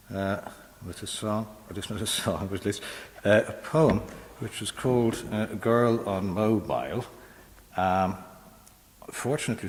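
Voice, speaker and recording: A man with a fairly low voice gives a poetry reading in a reverberant hall. He delivers verse in a measured way and talks between poems in wry, hesitant asides. The long echo of the room trails his words. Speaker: poet. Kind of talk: poetry reading with casual introductions. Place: hall, live reading to an audience.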